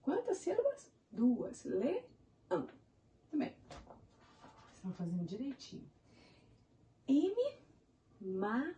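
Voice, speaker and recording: In a fairly high, very animated voice, a Brazilian Portuguese-speaking primary school teacher works slowly through animal names with young children, breaking them into syllables and encouraging them with praise. She leaves long pauses. Her mellow voice comes through a distant mic, and the recording is muffled.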